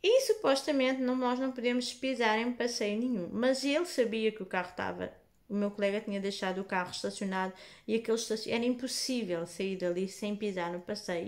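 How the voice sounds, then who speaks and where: A woman with a European Portuguese accent, telling a personal faith testimony in a casual, animated vlog, acting out the dialogue. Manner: animated, acts out dialogue in lowered voices.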